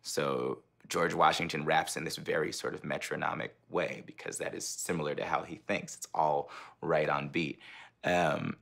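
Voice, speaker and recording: Man, commentator, very low and gravelly, analytical delivery. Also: steady tone, moderate pace, few pauses, sharp tone. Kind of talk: documentary interview.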